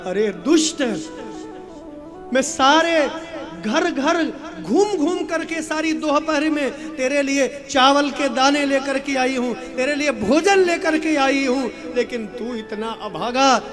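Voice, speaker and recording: Brief: raised, shrill voice of a poor, starving mother, as a male preacher plays her, scolding at full force over a music bed. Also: steady tone, unhurried, hardly any pauses. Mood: furious. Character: poor hungry mother, desperate then furious. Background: instrumental music.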